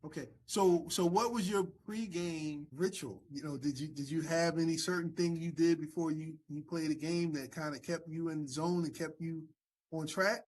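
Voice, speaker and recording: A man hosting a talk show, asking his guest questions in a relaxed, conversational way. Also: fairly high pitch, moderate pace. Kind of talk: casual interview conversation.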